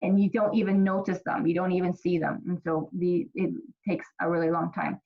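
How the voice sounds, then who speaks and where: A woman's voice: on the low side, flat delivery, a little fast, gravelly. Chatty woman lecturer, slightly lo-fi. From Ethiopia. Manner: chatty, many fillers and restarts. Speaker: college microbiology instructor. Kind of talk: casual recorded lecture. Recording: slightly dull lo-fi lecture recording.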